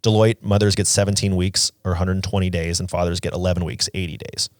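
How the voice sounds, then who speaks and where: A fast-talking man in his thirties with a low voice and level tone co-hosts a podcast, casually sharing opinions sprinkled with "like." The sound is clean studio quality with no echo.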